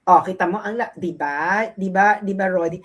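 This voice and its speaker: A woman co-hosting a gossip commentary show. She talks bluntly and leans hard on her points, at an ordinary middle pitch for a woman. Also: slightly rough. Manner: blunt, emphatic, drawn-out critiques. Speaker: show co-host.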